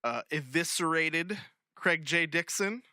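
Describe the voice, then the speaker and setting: A man with an American accent co-hosting a podcast in casual comedic chat, animated, joking and freely swearing. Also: fairly high pitch, a little slow, dry recording, studio quality. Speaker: podcast co-host.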